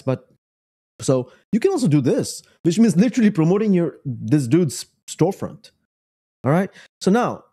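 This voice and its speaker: Animated, joking man with a husky voice. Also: on the high side. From Bengali. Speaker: online business creator. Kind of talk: casual screen-share commentary.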